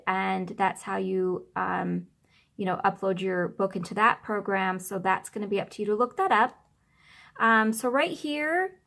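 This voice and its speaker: A woman in her thirties, a self-publishing author and video host, chats informally through a casual how-to tutorial. Her voice is medium-pitched and fairly bright, recorded in a small furnished room at home on a camera's built-in mic with no external microphone.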